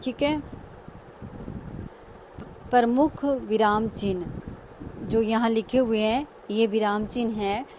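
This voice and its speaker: A woman's voice: a little high, slow pace, long pauses, darkish tone, a little hiss or hum. A woman school teacher giving a grammar lesson, explaining each term and repeating key words.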